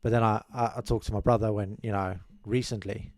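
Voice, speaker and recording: In a lowish, slightly mellow voice with fairly even intonation, a young South African man talks briskly and modestly about his life as a podcast guest, rambling and often restarting his sentences during the casual interview. He's in a small, curtained studio room, speaking into a boom-arm desk mic with headphones on. The sound is clean, studio-grade, and free of echo.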